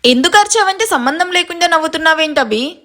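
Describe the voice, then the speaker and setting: A woman's voice: very high voice, animated, a bit bright, voice pushed up. A woman doing a bossy scolding elder sister. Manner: scolding, brisk.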